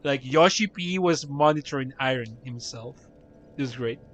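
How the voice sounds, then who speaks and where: A young man streams a game and chats casually, telling rambling stories full of laughter and frequent swearing. His voice is medium in pitch and his pace is normal.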